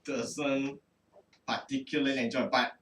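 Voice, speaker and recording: A man's voice: mid-range voice, little pitch movement, normal speed, fairly bright tone. A man narrating as game master of a tabletop game, hesitant and full of fillers. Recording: roomy, distant mic.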